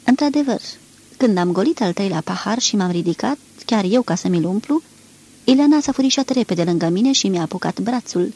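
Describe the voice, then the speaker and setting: Husky woman reading a novel aloud. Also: mid-range voice, animated, a little mellow. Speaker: audiobook reader. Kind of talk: literary audiobook narration.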